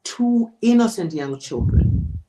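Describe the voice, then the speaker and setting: A man giving a presenter spoken feedback as a public speaking coach, in a measured, emphatic, deliberate way. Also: high-pitched, expressive, background noise.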